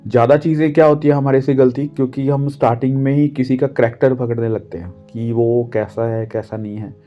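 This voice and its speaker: A man from India talks through a drawing lesson patiently, pausing on fillers as he explains each step. His voice is mid-pitched. The audio is dull and lo-fi, with soft music underneath. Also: fairly even intonation. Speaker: art teacher. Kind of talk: drawing tutorial talk. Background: faint background music.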